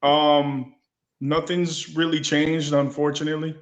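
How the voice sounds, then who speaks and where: A man calling in to a livestream on his phone, his voice echoing back over the line as he speaks in a halting, subdued way. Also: fairly high pitch, level tone. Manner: halting, subdued, repeats himself. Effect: his voice echoes back over the call. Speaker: caller on a livestream. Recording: echoey, muffled phone call audio.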